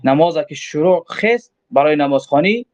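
Tajik-accented man teaching, higher voice. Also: animated, darkish tone. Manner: quotes Arabic then explains, asks himself questions. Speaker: religious teacher. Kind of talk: explaining a religious text line by line. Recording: dull lo-fi recording.

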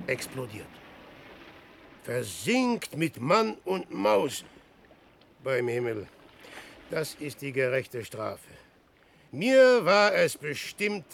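An actor playing Peer Gynt, a vain, self-serving rich adventurer, declaiming in a classic radio play. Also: male voice, medium pitch, creaky, fairly bright tone, a little hiss or hum, full character voice. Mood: brooding. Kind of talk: classic radio drama acting.

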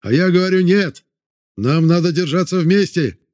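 A commanding military commissar bellows orders at a restless crowd in this audiobook scene, played by a male narrator. His voice is pitched far above normal speech and thrust forward in loud, clipped commands. The delivery stays forceful and insistent. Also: normal speed, natural voice.

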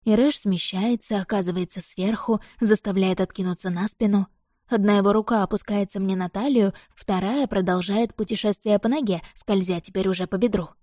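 Female audiobook narrator, first-person fiction, mellow dark tone, dry close recording. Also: medium pitch, fairly even intonation, brisk, dry recording.

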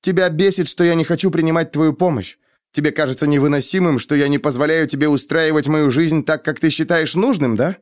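A proud, quick-tempered young woman, voiced by a man reading an audiobook, sharp and scornful. The voice sits high and heated, every line cutting. The studio sound is dry and close. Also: no echo, lightly acted. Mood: cold.

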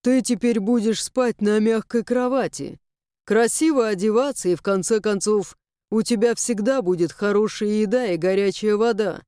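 A woman voicing Inamir, a stern, proud young man, in a measured, lecturing way in an audiobook. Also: mid-range voice, warm tone, smooth, no echo, clean studio sound, close to an everyday voice. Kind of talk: audiobook character voice.

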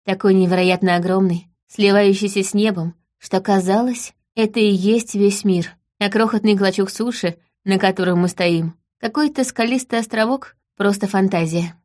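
A woman narrating an audiobook in the first person, in a calm storytelling manner. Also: medium pitch, normal speed, hardly any pauses.

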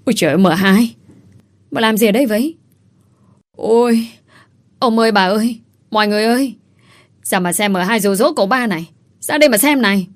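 A woman putting on a shrill gossiping maid. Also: brisk, long pauses, no room sound, studio quality, lightly acted. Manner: shrill, accusing, loud. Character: shrill gossiping young female servant.

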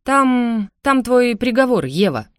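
A woman voicing a brooding, possessive young man who speaks hoarsely and harshly. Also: fairly high pitch, very animated, slow, dry recording, clean studio sound, pitched above the performer's own voice. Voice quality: hoarse, rasping.

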